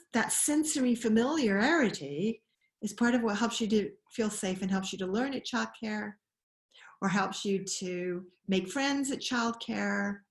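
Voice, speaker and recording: A woman, a parenting educator, explaining ideas in an interview with an earnest, animated manner and frequent restarts. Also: a little high, roomy sound.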